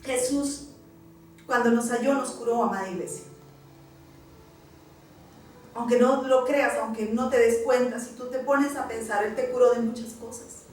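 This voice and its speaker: A woman's voice: a little high, normal speed, a little hiss or hum. A woman pastor from Peru giving an emotional testimony as a sermon, speaking directly to her congregation. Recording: echoey church hall, distant mic, faint music.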